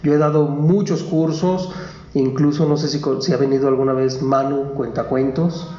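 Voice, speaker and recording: A man's voice: mid-range voice, level tone, moderate pace, dark tone. A man, a storytelling teacher who talks casually and narrates tales with animation. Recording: roomy lo-fi radio sound.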